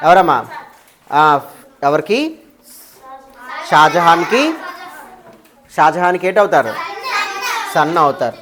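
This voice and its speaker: A woman's voice: low-pitched, slight background noise. A woman teacher taking a live class of students through an exam paper. She mixes in English terms and keeps checking with them.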